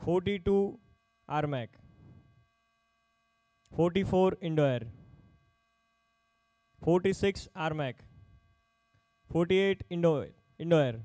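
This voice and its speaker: A man's voice: a little high, slow, long pauses, warm tone, dry recording. A man working as an auctioneer at a live sports player auction, calling out bids in short, repeated phrases.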